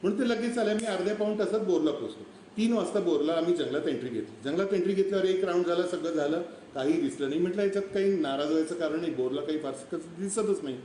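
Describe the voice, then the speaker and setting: A wildlife speaker from Maharashtra, with a high, warm voice, talks fast with few pauses while telling vivid wildlife stories on a live stream, imitating animal calls along the way. The room is echoey, the mic distant, and there is faint noise.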